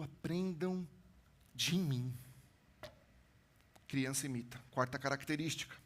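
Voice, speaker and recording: A man in his thirties, a pastor from São Paulo with a São Paulo accent, preaching a sermon with animated storytelling that swings from loud build-ups to hushed lines. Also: medium pitch. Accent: São Paulo Brazilian Portuguese. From São Paulo, Brazil. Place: church stage.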